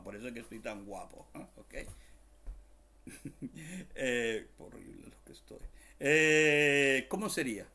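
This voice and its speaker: A man's voice: medium pitch, bright, forceful tone. A man teaching an online language lesson, repeating each word several times, spelling it out letter by letter and adding small jokes. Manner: explains slowly, repeats words many times, spells letter by letter, jokes aside.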